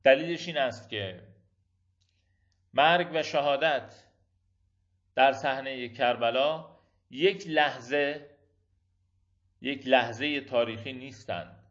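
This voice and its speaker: A man delivers a reflective religious lecture at a middle pitch. He builds each point through repeated phrases and pointed questions. The recording sounds dull and lo-fi. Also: pauses often, a bit bright.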